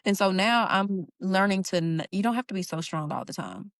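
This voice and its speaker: A woman's voice: mid-range voice, lively intonation, moderate pace, gravelly, dry recording, clean studio sound. A young woman, a stay-at-home mother, talking earnestly and informally in a casual heartfelt conversation. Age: young adult. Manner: earnest, Southern-tinged informal speech with y'all. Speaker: stay-at-home mom, podcast guest.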